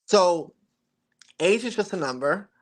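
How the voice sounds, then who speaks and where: Heard over poor audio, a man in his forties speaks slowly in a high, expressive voice. A model guesting in a casual interview, he talks earnestly and thoughtfully about his journey, with occasional laughs and restarts.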